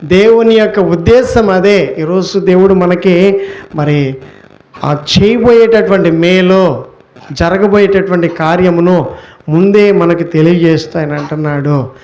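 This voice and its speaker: A man preaching as a pastor, asking rhetorical questions and answering them himself, repeating key words slowly for emphasis. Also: high-pitched, a little mellow, dull audio. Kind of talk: sermon.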